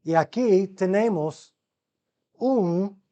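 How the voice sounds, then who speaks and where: A man gives a seminary Bible lecture, addressing listeners as brothers, asking the class rhetorical questions, and often restarting words mid-sentence. His voice sits high and warm with drawn-out words, on dull audio.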